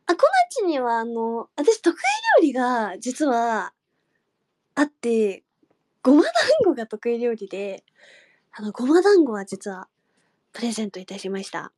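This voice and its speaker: A young woman chatting casually with fans on a livestream, giggling and dropping into soft murmurs and whispers. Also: a little high, dry recording, studio quality. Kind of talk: casual chat.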